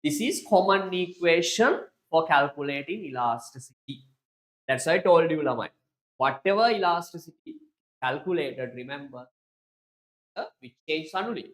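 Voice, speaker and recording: Brief: Sri male economics teacher, slightly raised pitch, drills terms and quizzes students. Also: lively intonation, moderate pace. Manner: repetitive, drilling key terms and questioning students. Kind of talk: online class lecture.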